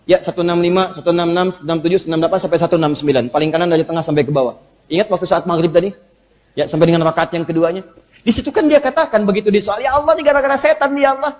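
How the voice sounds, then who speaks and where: A high-voiced man delivers an Islamic sermon with animated, playful energy and teases his listeners. His voice rings with long reverb through a large mosque hall. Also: rapid-fire. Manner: animated, humorous, teasing the audience. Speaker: preacher, ustaz.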